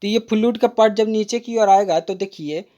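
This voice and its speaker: A woman tutoring diploma students for exams, explaining a diagram patiently and repeating key terms. She reads textbook definitions aloud slowly and calls the viewers "friend". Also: medium pitch, warm tone, dull audio. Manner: patient, repetitive, addresses viewers as friend, mixes in English terms. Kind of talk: exam-prep lecture, explaining a diagram.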